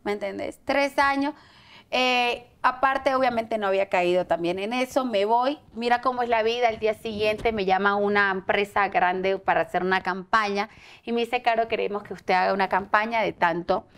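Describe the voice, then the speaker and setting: A woman, a talk show guest telling a personal story candidly in an animated way and acting out the voices of the people in it. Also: medium pitch, moderate pace, clean tone. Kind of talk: candid storytelling in a casual interview.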